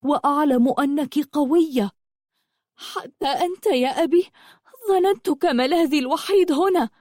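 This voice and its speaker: A woman voicing a stubborn, frightened teenage girl who cries out in high, pleading and defiant bursts in an audiobook. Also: moderate pace, darkish tone, no room sound, studio quality, lightly acted. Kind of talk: audiobook storytelling.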